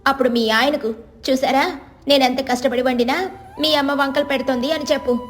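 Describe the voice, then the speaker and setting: A woman's voice: sits high, fairly even intonation, moderate pace, lightly acted. A woman voicing a bossy, sly village neighbor woman giving scheming advice.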